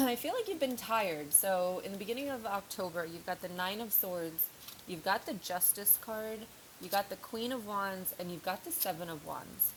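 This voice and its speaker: A woman reads tarot cards frankly and casually, thinking aloud in a mid-range voice with lively intonation at normal speed. Her throat sounds a little sore. The recording is rough, with slight background noise.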